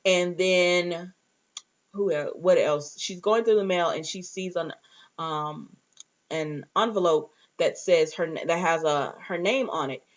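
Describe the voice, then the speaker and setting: Speaking a little slowly in a fairly low voice, the host of a TV recap show chats informally about what happened, replaying characters' lines and tossing in her reactions and acted-out asides. The audio is muffled.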